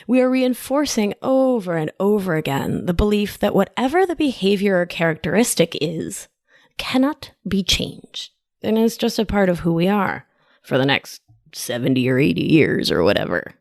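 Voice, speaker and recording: A woman with an Argentine accent, speaking in a mid-range voice at a normal pace, hosts a scripted solo podcast as a life coach in New York. She sounds lively, playful and affectionate, often wandering into side remarks. The recording is dry, with clean studio sound.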